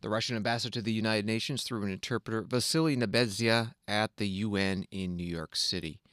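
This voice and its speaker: Guy news host reading scripted report, lowish voice, really dry sound. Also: brisk, fairly bright tone, dry recording.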